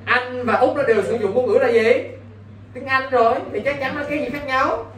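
A man's voice: very high-pitched, fairly even intonation, fairly quick, fairly bright tone. A male English teacher, giving an exam-prep lesson and constantly quizzing his students. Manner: quizzing, keeps asking "got it?". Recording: roomy, distant mic, faint background noise.

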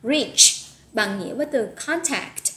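A woman's voice: a little high, a little fast. A woman teaching an English vocabulary lesson live online, upbeat, praising students by name and drilling pronunciation. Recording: echoey room with faint noise.

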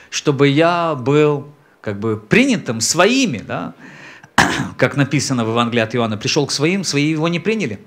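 A native Tajik speaker in his thirties from Samarkand, Central Asia, a messianic rabbi appearing as a guest speaker, gives a personal testimony to a congregation from a church stage into a handheld microphone. He speaks unhurriedly in a medium-pitched, fairly bright voice, hesitating and clearing his throat.

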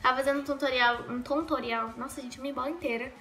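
Quick, bright and forceful, a young Brazilian woman's high-pitched voice holds a steady tone as she makes a casual get-ready-with-me vlog. A makeup vlogger at home in her bedroom, she jokes around, rambles and keeps correcting herself.

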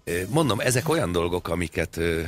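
A man with an extremely deep voice co-hosts a comedic radio chat. He rambles wryly, piling up absurd examples with plenty of pauses and fillers. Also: very animated, no echo. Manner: wry, rambling, absurd jokes, frequent hesitations. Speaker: radio show co-host. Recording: studio radio talk show.

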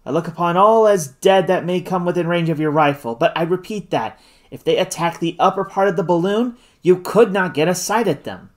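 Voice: medium pitch, brisk, close to an everyday voice. A reader voicing a Victorian doctor who commands a balloon, calling out orders. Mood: steady. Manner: shouted commands.

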